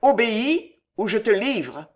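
A woman's voice: a little high, animated, a little slow, voice pushed up. A woman voicing a cold, cruel queen who taunts and threatens in an icy, mocking tone.

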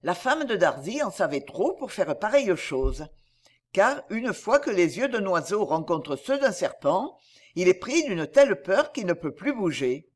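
Woman reading a storybook, expressive. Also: medium pitch, unhurried. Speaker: narrator.

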